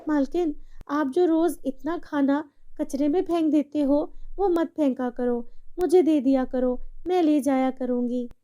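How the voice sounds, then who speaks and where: Woman playing a meek, poor cartoon maid, very high and mellow voice. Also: a little slow. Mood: humble. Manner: pleading, humble. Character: poor humble young maid, mother.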